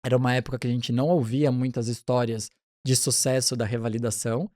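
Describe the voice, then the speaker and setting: A man in his forties, a pediatric neonatologist, telling his career story in a relaxed, chatty interview with frequent restarts. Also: medium pitch, fast, no room sound, studio quality.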